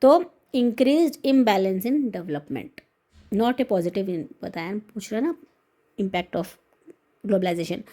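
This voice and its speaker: A woman teacher running through exam questions, reading the English slowly and explaining in Hindi mixed with English, often checking in with her students. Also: medium pitch, warm tone. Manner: checks in with "है ना?" and "okay". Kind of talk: exam-prep lesson.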